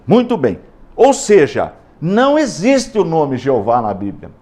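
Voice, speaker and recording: A man's voice: fairly high pitch, huge pitch swings, measured pace, darkish tone. A man with a Brazilian Portuguese accent, a pastor teaching a theology lesson in an emphatic way, repeating words and spelling out letters and sounds.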